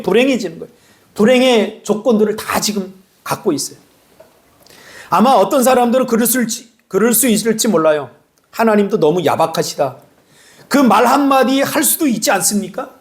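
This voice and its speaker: A man, a pastor, giving an animated sermon in a church and teasing members of the congregation by name. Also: high voice. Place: church sanctuary.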